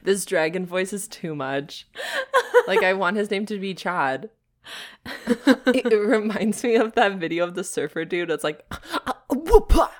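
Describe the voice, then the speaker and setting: A woman's voice: lowish voice, unhurried. A woman co-host in casual chat, reacting to a novel in a jokey, mocking way.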